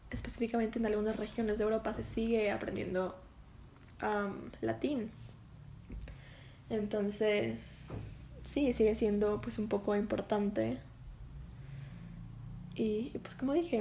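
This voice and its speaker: A woman's voice: fairly high pitch, darkish tone, slight background noise. A woman with a Mexican accent hosting a casual podcast monologue, chatty and full of filler words. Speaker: podcast host. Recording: roomy echo.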